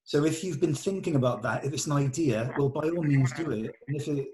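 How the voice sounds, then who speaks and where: A man acts as director in an informal rehearsal, speaking hesitantly, thoughtfully, and encouragingly. His voice is on the high side, slightly mellow and fairly quick, with a little hiss or hum in the audio. The talk is loose rehearsal discussion with some stage directions read aloud.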